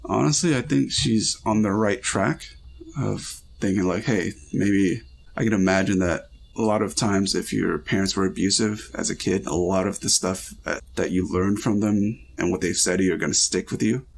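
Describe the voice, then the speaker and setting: A man co-hosting a podcast, chatting casually about dreams with a relaxed, filler-heavy way of talking. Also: sits low, normal speed, creaky, slightly rough. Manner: relaxed, talks with frequent fillers. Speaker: podcast co-host reading and interpreting dreams.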